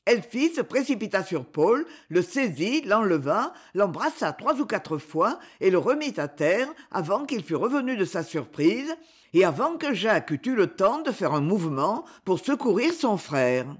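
A woman narrating a children's story with expressive reading. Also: mid-range voice, normal speed, husky. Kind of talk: scripted narration.

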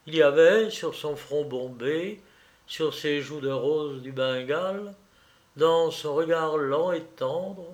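A man narrating a classic novel as an audiobook, slow and measured. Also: a little high, a little mellow.

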